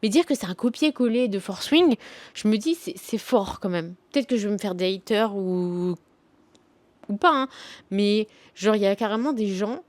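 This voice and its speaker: A young woman talks casually about her favourite books, rambling and slangy, her sentences full of fillers and restarts. Her voice sits at an ordinary pitch for a woman. The sound is dry and close, with little room echo. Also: darkish tone. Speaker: book vlogger. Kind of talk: casual book review chat.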